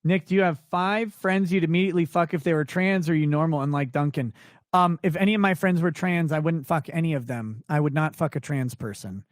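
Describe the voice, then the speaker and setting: Brisk and not deep-voiced, a man hosts a laid-back late-night livestream where he reads out viewer questions and responds crudely, bluntly and with swearing. The sound is clean studio audio with no room sound.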